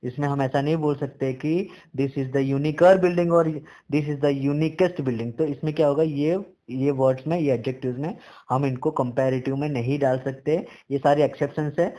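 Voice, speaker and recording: In this grammar lesson, the teacher, a man with an Indian English accent, recites English rules slowly and explains them rapidly in the gaps. His mellow voice is medium in pitch with fairly even intonation.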